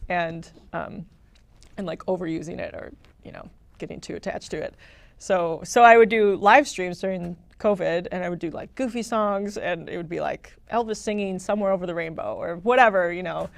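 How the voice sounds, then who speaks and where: A woman's voice: fairly low pitch, normal speed, gravelly, dry recording. A young woman chatting casually as a podcast guest, rambling with lots of "like" and laughing often. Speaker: guest, [name] impersonator. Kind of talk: casual podcast interview chat.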